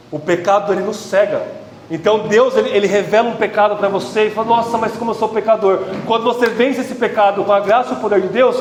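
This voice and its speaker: A man's voice: sits high, a little hiss or hum. A Brazilian man in his thirties preaching a sermon as pastor, earnest and direct, rising to emphatic peaks. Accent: Brazilian Portuguese. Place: church hall. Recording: echoey hall with faint ambience.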